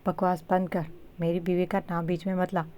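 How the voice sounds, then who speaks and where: A commanding young husband from a storybook reading, delivered firm and clipped, as a woman narrator reads him. The voice is low-set and barely changed from the narrator's own. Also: little pitch movement, normal speed, darkish tone, slight background noise, lightly acted. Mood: stern. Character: protective stern young husband, cold and commanding.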